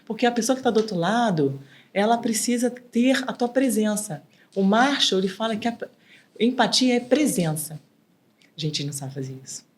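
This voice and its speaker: A middle-aged woman mediator chatting as a podcast guest, animated and acting out quoted dialogue. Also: on the high side, moderate pace. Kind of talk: casual podcast interview.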